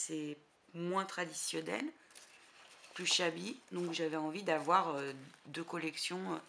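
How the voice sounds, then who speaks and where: A woman's voice: lowish voice, creaky, pushed and bright. A woman chatting casually through a craft haul, hesitant, with many fillers. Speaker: crafting vlogger. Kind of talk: casual haul video chat. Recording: noisy background hiss.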